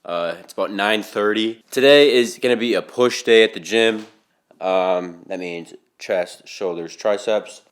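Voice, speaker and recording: A man's voice: on the low side, unhurried. A young man talking casually in his kitchen as a fitness vlogger, rambling and musing aloud with a slightly groggy morning voice. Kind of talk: casual vlog chat. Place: home kitchen.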